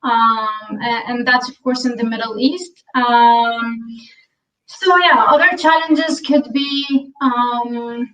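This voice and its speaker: A woman from Syria, a podcast guest, speaking thoughtfully with many ums and pauses. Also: a little high, steady tone, a bit bright, far from the mic, rough recording. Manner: thoughtful, many ums and uhs, self-questioning. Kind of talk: conversational interview.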